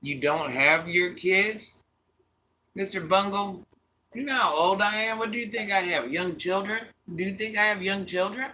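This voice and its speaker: A middle-aged woman with a deep, smoky voice hosts a casual livestream, reading out viewer comments and answering them bluntly and with plenty of sass. She talks at a normal speed, and her tone is sharp.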